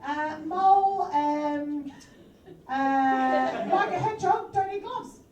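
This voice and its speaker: In front of a loud crowd at a live venue, a woman improvises as a cheerful tooth fairy for animals, rambling playfully with many fillers. Her voice is high and slow, and the far-mic recording in the echoey room sounds lo-fi and very noisy.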